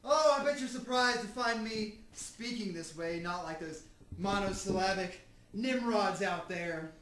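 An actor playing a fussy, flamboyant, cowardly starship captain in an amateur comedy film, recorded in an echoey room from a distance. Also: male voice, high voice, unhurried, fairly bright tone. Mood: chatty.

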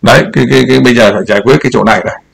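A man's voice: mid-range voice, fairly even intonation, very fast, vocal fry, slightly rough. An older man giving casual political commentary over a map, rambling and repeating words as he points things out.

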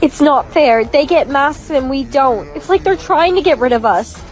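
A woman telling an animated storytime and voicing characters with dramatic exclamations. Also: high voice, normal speed, soft background music.

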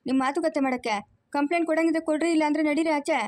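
Woman playing a snappy cop lady, sarcastic, highish voice, cartoon. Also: fairly even intonation, rapid-fire, darkish tone, lightly acted. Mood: impatient. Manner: curt, sarcastic. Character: impatient female police officer, brusque.

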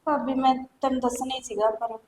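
A woman's voice: high-pitched, flat delivery, a little fast, darkish tone, close to an everyday voice. A young woman with a Punjabi accent playing a scared college girl pleading with her sister-in-law in a Punjabi web drama. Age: young adult. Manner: pleading, anxious. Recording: echoey hall, faint noise.

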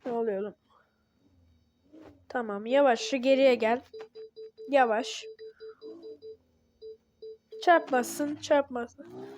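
A woman giving casual gameplay commentary as a channel host, excitable and talking back to the game when things go wrong. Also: sits high, takes it slowly, pauses often, slight background noise. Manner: excitable, talks to the game, grumbles and yelps at mistakes.

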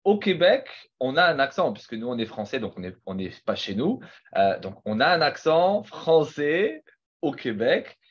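A man's voice: medium pitch, very animated, normal speed. A man on a video call, joking and telling anecdotes in a casual panel discussion. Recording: dull lo-fi call audio.

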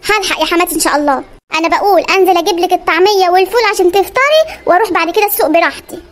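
A weary young Egyptian wife, voiced by an actor in a comic cartoon. She answers in a polite, patient, resigned way with an Egyptian Arabic accent, her voice very high and rapid. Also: fairly bright tone. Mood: dutiful.

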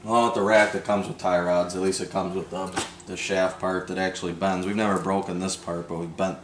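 A man's voice: sits low, little pitch movement, brisk. A man with the hiccups chatting casually about his off-road spares in a laid-back, joking way. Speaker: off-road video co-host. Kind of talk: casual garage chat. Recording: echoey room with clear background noise.

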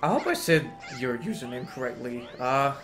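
A man streaming a speedrun, greeting viewers by name and reacting with sudden excited outbursts. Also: medium pitch, normal speed, music in the background. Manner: greets and answers chat, bursts into excited exclamations. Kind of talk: casual live-stream chat while gaming.

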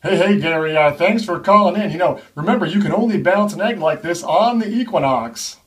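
A man putting on the voice of a smooth-talking male radio DJ who takes calls from listeners with upbeat on-air patter. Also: sits high, expressive, fairly quick, a bit bright, recorded from a distance. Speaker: science video host.

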